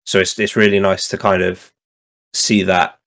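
A man's voice: deep voice, flat delivery, moderate pace, creaky, fairly bright tone. A man co-hosting a gaming podcast in casual chat, rambling with many fillers and laughing often. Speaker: podcast co-host.

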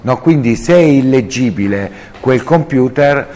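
A man's voice: mid-range voice, animated, a little slow, big-room sound, background noise. A man arguing as a pundit in a studio sports debate, firing rhetorical questions. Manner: argumentative, piles up rhetorical questions.

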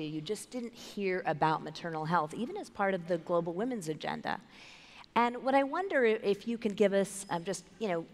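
A woman in her thirties moderating a conference panel, introducing the guests in a measured way with many fillers. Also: lowish voice. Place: large conference stage with long reverb. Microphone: headset mic. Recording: reverberant large hall.

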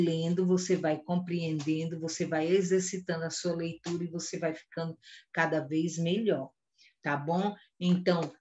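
A woman's voice: on the low side, dark tone, slight background noise. A Brazilian woman teaching an online lesson to young children, patiently repeating instructions and checking they understood. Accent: Brazilian Portuguese. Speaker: first-grade teacher.

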